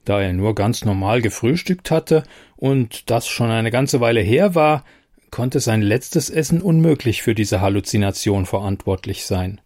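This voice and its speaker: Man reading a story, lively pitch. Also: a little slow. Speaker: narrator.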